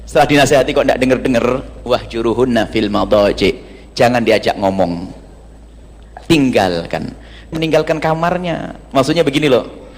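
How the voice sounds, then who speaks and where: A man's voice: mid-range voice, animated, normal speed. A man preaching a sermon to an audience, teasing and humorous. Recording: long reverb of a large hall.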